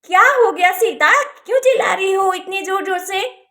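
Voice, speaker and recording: A woman's voice: very high-pitched, normal speed, sharp tone. A woman voicing a strict mother who scolds in a doll story. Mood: demanding. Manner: scolding, stern.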